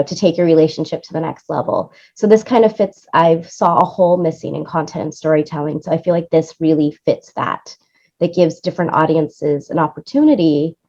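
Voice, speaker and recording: Appearing as an interview guest, a music supervisor and producer explains her points in a chatty, conversational way, frequently ending them with "right?" to check in with the listener. She has a deep, mellow voice at normal speed, though the recording is muffled.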